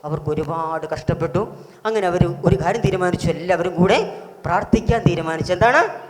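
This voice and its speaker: Animated man quizzing children in a hall. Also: high voice, fairly quick. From Kerala, India. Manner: animated, keeps quizzing the children with rising questions. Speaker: pastor hosting a children's Bible school. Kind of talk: children's program hosting and storytelling. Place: auditorium. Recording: echoey hall with faint noise.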